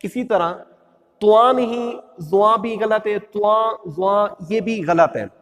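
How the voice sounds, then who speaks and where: A man with a high voice teaches the letters of Quran recitation, slowly and patiently. He stretches each letter into a long sung sound. The recording has a long hall reverb behind him. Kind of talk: religious lesson on pronunciation.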